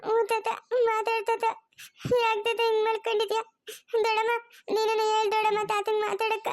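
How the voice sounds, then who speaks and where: A woman voicing a young granddaughter who pleads in a high, sobbing voice. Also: monotone, slow pace. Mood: tearful pleading.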